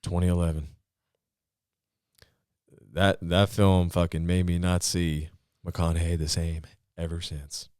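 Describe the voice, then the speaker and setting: A young man from Northern California, a guest actor, chatting casually on a podcast in an animated, joking, profane way. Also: low-pitched, measured pace, pauses often, clean tone, dry recording, clean studio sound.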